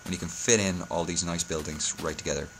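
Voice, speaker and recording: A video tutorial host, hungover, walks through building a game in a casual way, hesitating and frequently correcting himself. His voice is deep and steady, he talks fast, and there's noise in the background.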